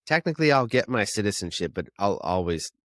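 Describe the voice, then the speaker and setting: Deep, lively-voiced Canadian man. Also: brisk, dry recording, clean studio sound. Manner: playful, stumbles and restarts. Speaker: podcast co-host. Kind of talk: casual podcast chat.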